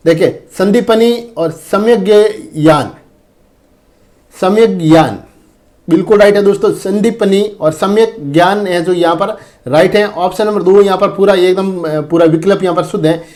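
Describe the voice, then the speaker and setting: High-voiced teacher. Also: male voice, fairly even intonation, brisk, darkish tone. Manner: repetitive, addresses viewers as friends and brother, often says "dekhen". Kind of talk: exam-prep lesson on Hindi spelling.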